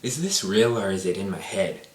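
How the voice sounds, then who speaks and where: A man's voice: sits low, lively intonation, normal speed, distant mic. A man voicing an anxious young male wizard hero, pushing his voice up into a raised, questioning tone, in a roomy space with faint noise.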